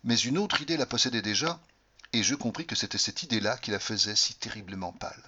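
Man reading a novel out loud, bright crisp voice, expressive, kinda dull lo-fi sound. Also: fairly low pitch, fast talker. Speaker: audiobook narrator. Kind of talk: dramatic first-person novel reading. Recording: slightly dull lo-fi recording.

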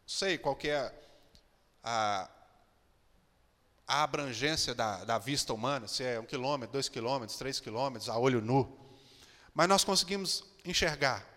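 A man's voice: medium pitch, lively intonation, moderate pace, pauses often, sharp tone. A man preaching a sermon with passion, acting out prayers and God's words to the congregation, in a church hall. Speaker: pastor.

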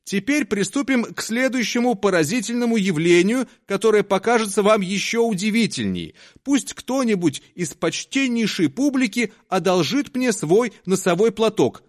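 A man's voice: sits high, animated, normal speed, few pauses, voice pushed up. A man voicing a poor, hungry conjurer who talks in a shaky, pleading showman's patter.

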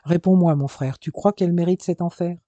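A man's voice: sits high, steady tone, fairly quick, dark tone, dry recording, highs cut off, natural voice. A man voicing a young man crippled after an accident, grave and bitter, in an audiobook.

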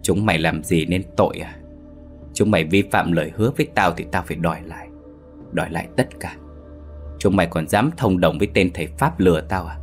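Vengeful possessing ghost, as a deep-voiced man puts it on. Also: fairly quick, soft background music. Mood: menacing. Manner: menacing, threatening. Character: vengeful male foreign ghost possessing a boy.

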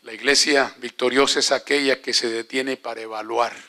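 A man's voice: medium pitch, moderate pace. An older man preaching a sermon as an evangelist, telling stories animatedly and asking the congregation questions. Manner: animated storytelling with rhetorical questions.

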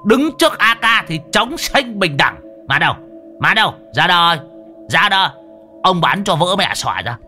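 A man voicing a rough, blustering old gunman who shouts with swagger. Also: high-pitched, big pitch swings, moderate pace, soft background music, pitched above the performer's own voice, exaggerated voice. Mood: defiant.

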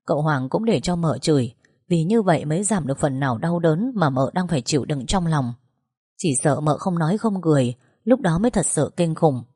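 A woman narrating a romance story in a steady, expressive reading. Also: low-pitched, fairly quick, breathy edge, no room sound, clean studio sound.

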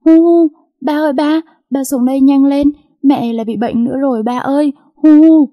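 A woman's voice: a little high, fairly even intonation, moderate pace, highs cut off, lightly acted. A woman voicing a sweet, affectionate ten-year-old girl in a storybook reading, with an eager, childlike manner. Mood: crying, panicked. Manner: eager, tearful when frightened.

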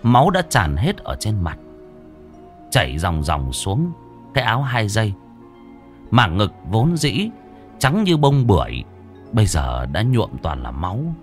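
A man telling a horror story in vivid, expressive narration. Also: lowish voice, a little slow, pauses often. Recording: narration over faint music.

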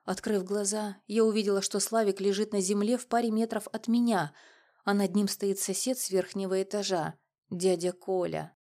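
A woman narrating a first-person audiobook in a measured, dramatic way. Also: mid-range voice, fairly even intonation, mellow.

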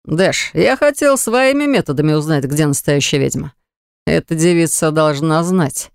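A man's voice: fairly high pitch, expressive, moderate pace, vocal fry, clear, resonant tone, dry recording, studio quality. A reader voicing an arrogant, menacing blond male fire mage in an audiobook, speaking in a sneering, spiteful way. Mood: accusing. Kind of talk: audiobook character voice.

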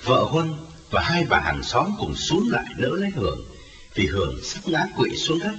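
A man's voice: a little high, wildly swooping pitch, normal speed, a bit bright, distant mic, slight background noise. A man narrating a scripted audio story in a dramatic way. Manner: dramatic, widely varied intonation. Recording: echoey reverberant audio story with music, slightly dull. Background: music.

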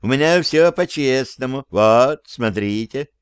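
Man reading as a touchy circus artist in an audiobook, pleading and defensive, in a slow, clear voice. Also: mid-range voice, animated, no room sound, studio quality, natural voice. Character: touchy male circus performer.

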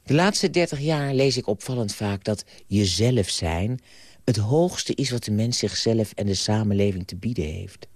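A man reading a children's story aloud on the radio, with an animated, playful delivery, then reflecting on it. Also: fairly low pitch, normal speed, no echo, studio quality. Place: radio studio.

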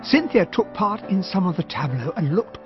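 An actor playing a genial, well-spoken English army captain, narrating and acting in a radio drama. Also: male voice, high-pitched, big pitch swings, moderate pace, dull audio, over music. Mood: reminiscing.

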